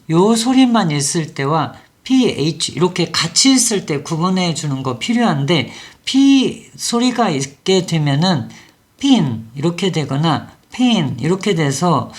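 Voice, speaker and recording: A phonics teacher explaining an English pronunciation lesson step by step in a patient, conversational way, with fillers. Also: medium pitch.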